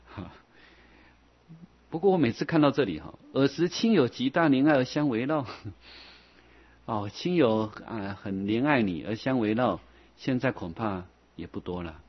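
Husky-voiced monk giving a folksy sermon. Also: male voice, mid-range voice. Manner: folksy and chuckling, with many fillers. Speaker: Buddhist monk teacher. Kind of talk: Buddhist sermon. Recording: dull lo-fi recording.

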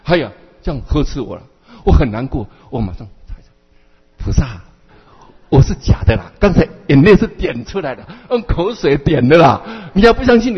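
A male Buddhist teacher tells a sermon story with a high, husky voice. His pitch swings widely as he keeps checking in with the listeners. The recording sounds dull and carries long hall reverb. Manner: animated storyteller who often asks the audience "right?".

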